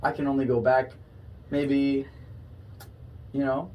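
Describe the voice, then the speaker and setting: A podcast host muses aloud in a loose, rambling way, full of fillers. The voice sits in a middle pitch. It is picked up from a little way off, with faint noise underneath. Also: level tone, slow pace, recorded from a distance, lo-fi sound. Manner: musing, rambling, many fillers. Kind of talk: casual interview chat. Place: podcast studio.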